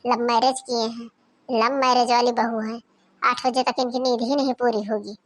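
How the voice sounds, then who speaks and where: A woman voicing a strict old mother-in-law in a cartoon, scolding in high calls and coughing often. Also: little pitch movement, normal speed, natural voice. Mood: lamenting. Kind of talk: cartoon voice acting.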